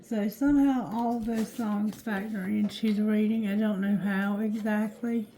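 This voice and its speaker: A tired, drowsy woman doing a casual card reading, with thick-tongued, slightly slurred speech and a halting, repetitive delivery. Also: medium pitch, steady tone, dark tone, rough recording. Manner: slow, halting, repeats phrases. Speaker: tarot reader.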